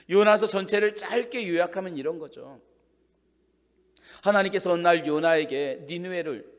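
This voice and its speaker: A pastor delivers a sermon in a church sanctuary. He is a man with a high voice, and he acts out quoted lines dramatically, swinging from hushed asides to loud cries. The long hall reverb trails behind every word.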